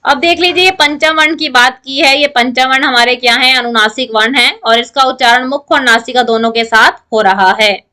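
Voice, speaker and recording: A woman's voice: high voice, steady tone, normal speed, hardly any pauses, bright, forceful tone. A woman giving an online grammar lecture to students, explaining step by step and answering her own questions. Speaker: Sanskrit grammar teacher.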